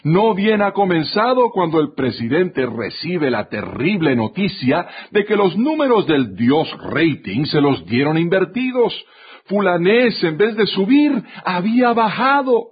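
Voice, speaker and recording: A man's voice: high voice, big pitch swings, measured pace, breathy edge. A man delivering a scripted radio reflection as a commentator, telling a story and acting out the quotes. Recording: dull lo-fi radio sound.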